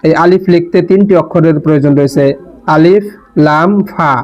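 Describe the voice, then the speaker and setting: A man teaching letter pronunciation in a slow lesson, repeating and drawing out each sound with care. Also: on the high side. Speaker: Quran teacher. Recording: dull lo-fi recording.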